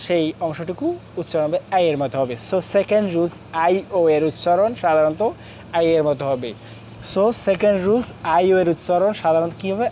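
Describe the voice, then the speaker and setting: A man teaching a spoken English lesson, drilling spellings quickly in Bengali and speaking halting English with many fillers. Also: fairly high pitch, mellow, slight background noise.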